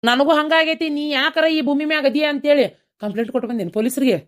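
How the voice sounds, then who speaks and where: A woman doing a henpecked village husband, cartoon comedy, North Karnataka Kannada, whiny grumbling, slightly high voice. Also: very fast, lightly acted. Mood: complaining.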